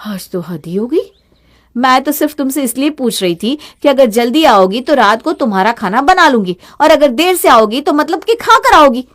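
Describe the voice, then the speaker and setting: A fed-up young daughter-in-law speaks sharp and sarcastic in a fairly high voice, voiced by a woman. She is an animated storybook wife, complaining of endless chores. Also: moderate pace. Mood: resentful.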